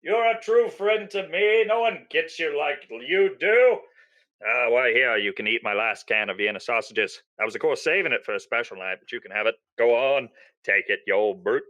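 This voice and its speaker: A man's voice: mid-range voice, lively intonation, normal speed, sharp tone, dull audio, voice pushed down. A man doing a frantic folksy old-time farmer. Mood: tender. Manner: folksy exclamations, frantic rambling. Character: hapless old-time male farmer, excitable. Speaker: co-host playing a hapless farmer. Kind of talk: comedic 1920s radio parody.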